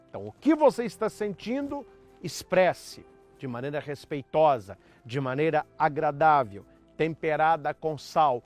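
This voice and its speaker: Animated priest giving advice. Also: male voice, sits high. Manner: emphatic, teacherly, animated. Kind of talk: motivational talk on marriage.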